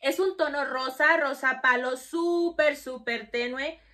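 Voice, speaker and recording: A woman's voice: high-pitched, measured pace, sharp tone. A young woman with a Mexican Spanish accent chatting casually to camera about lipsticks, bubbly and full of fillers. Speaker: beauty vlogger. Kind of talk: casual makeup review to camera.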